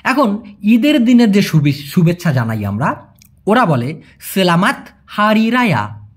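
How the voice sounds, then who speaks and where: Lively up-and-down delivery, patient teacher who repeats each word slowly. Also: mid-range voice, breathy edge. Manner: explains patiently, repeats words slowly, acts out everyday examples. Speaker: language teacher. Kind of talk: spoken language lesson.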